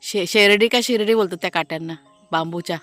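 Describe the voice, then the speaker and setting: A woman's voice: medium pitch, fast, fairly bright tone, no room sound, soft background music. A woman vlogging casually outdoors in her garden, chatting to viewers and explaining what she shows. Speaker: family vlogger. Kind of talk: casual vlog walkthrough talking to viewers.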